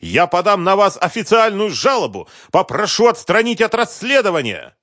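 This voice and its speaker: A man voicing an enraged middle-aged businessman who yells accusations at an investigator. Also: high voice, big pitch swings, moderate pace, dry recording, studio quality, voice pushed up, full character voice. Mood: furious shouting. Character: furious middle-aged male businessman, shouting, bullying.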